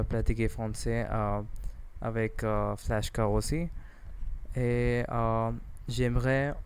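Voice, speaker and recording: A man in a casual practice vlog, talking haltingly as a language learner, often correcting himself and apologizing. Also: on the low side, darkish tone, smooth. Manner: hesitant, halting, self-correcting; apologetic, self-deprecating.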